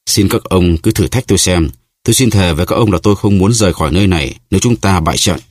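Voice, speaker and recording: A man's voice: sits low, fast, darkish tone, no room sound, clean studio sound. A man voicing an earnest young swordsman. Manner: earnest, courteous. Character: young male Gascon swordsman, eager and earnest.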